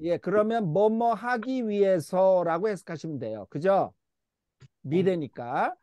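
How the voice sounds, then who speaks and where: High-voiced, lively man teaching English. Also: unhurried, dry recording. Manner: patient, coaxing, repeats words for the class. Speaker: English Bible class teacher. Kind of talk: church English lesson, call-and-response drills. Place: church classroom.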